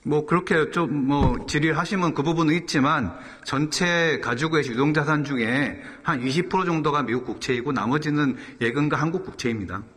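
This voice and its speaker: A man's voice: a little high, brisk, hardly any pauses, a bit bright. A man giving formal, guarded and deferential answers as a government official at a hearing. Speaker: government vice minister. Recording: echoey assembly hall.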